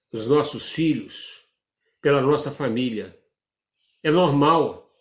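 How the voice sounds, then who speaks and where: Brazilian male pastor, slow deliberate sermon delivery, slightly high voice, echoey church. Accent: Brazilian Portuguese. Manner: slow, measured preaching with dramatic drops in pitch. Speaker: preacher.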